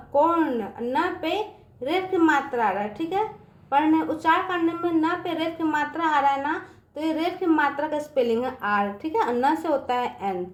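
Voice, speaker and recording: A woman's voice: sits high, reverberant. A woman teaching English words to children in a patient, repetitive way, often checking that they understand. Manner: patient, repetitive, often asks "समझ में आ गया बच्चों?". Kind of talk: online English lesson for children.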